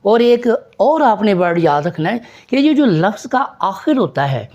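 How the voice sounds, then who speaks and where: Pakistani-born male English tutor, unhurried, spells words letter by letter. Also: high-pitched, sing-song, darkish tone, highs cut off. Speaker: English teacher. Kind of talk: pronunciation lesson.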